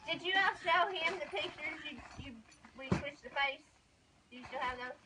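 A woman's voice: high voice, normal speed, background noise. A woman chatting casually, picked up at a distance by a handheld camera outdoors. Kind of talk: casual chat.

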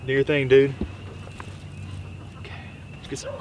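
A man's voice: medium pitch, little pitch movement, measured pace, darkish tone, a little hiss or hum. Chatty young man on a night lake. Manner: upbeat, chatty, exclaiming over catches. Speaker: fishing vlog host. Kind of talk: casual outdoor narration. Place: small boat on a lake at night, outdoors. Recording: music mixed in clearly.

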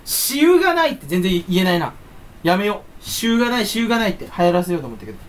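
A man's voice: high voice, wildly swooping pitch, rapid-fire. A YouTuber chatting on his own in a casual, playful, rambling way, with a stuffy nose and a habit of slipping into silly voices. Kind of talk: casual solo chat.

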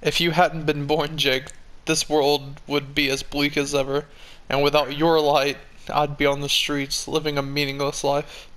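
A man's voice: fairly high pitch, monotone, a little slow, a bit bright, low-quality recording. A man voicing a wounded, earnest and embittered male fox in a dramatic comic reading, with solemn, hammy theatrical delivery. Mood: earnest pleading.

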